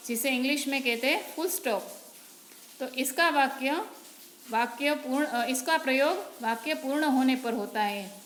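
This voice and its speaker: This Gujarati teacher's voice sits high, with a bright, forceful tone, as she explains Hindi grammar patiently and step by step during a lesson. "Barabar" comes up often. The recording has room echo and faint noise.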